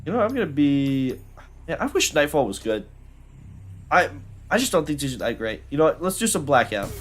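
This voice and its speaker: An excitable young man gives live commentary on his own gameplay, his voice sitting a little high for a man. He rambles and restarts his sentences, piling up fillers as he reacts to the game. Faint game music plays behind him. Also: fairly quick. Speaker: gaming streamer.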